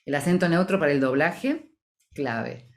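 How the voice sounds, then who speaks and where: A woman's voice: low voice, animated, unhurried. A woman from Argentina with a Rioplatense accent, a voice-over professional giving articulate, explanatory interview answers. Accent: Rioplatense Spanish. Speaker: voice-over professional, association president.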